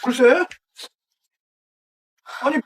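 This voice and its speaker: An actor voicing a weak-willed middle-aged uncle who fusses and soothes to avoid conflict in a dubbed TV drama. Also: male voice, drawn-out words, bright, forceful tone. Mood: placating. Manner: fussing, soothing, evasive.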